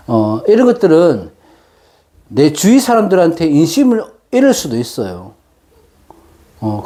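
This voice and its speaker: Man, lively intonation, soft dark tone, slightly slurred dentist-numb articulation, halting delivery, explanatory lecture. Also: on the high side. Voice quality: slightly slurred, tangled articulation after dental anesthetic. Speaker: fortune-telling lecturer.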